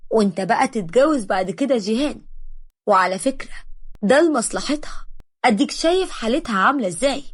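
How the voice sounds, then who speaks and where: Woman doing a bossy Egyptian mother. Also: a little high. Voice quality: bossy, scolding. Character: scheming, domineering middle-aged mother.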